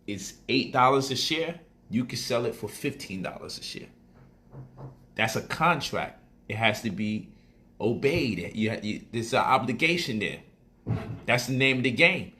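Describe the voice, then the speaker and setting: On a livestream, a man with a sharp, mid-range voice casually explains stock options, repeating phrases for emphasis and slipping into loose street slang.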